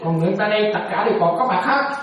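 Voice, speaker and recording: Speaking very fast in a mid-range voice, a Buddhist teacher gives a dharma talk and casually quizzes her students again and again, laughing softly. The audio is dull, with a crowd behind her, and the distant mic picks up heavy room echo.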